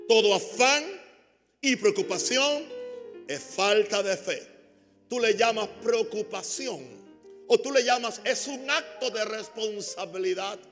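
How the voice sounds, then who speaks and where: A man preaching a sermon as a pastor, calling on the congregation to repeat after him and swinging between loud emphatic bursts and quiet asides. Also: high voice, slow pace, in a large hall, soft background music. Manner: preaching with call-and-response to the congregation.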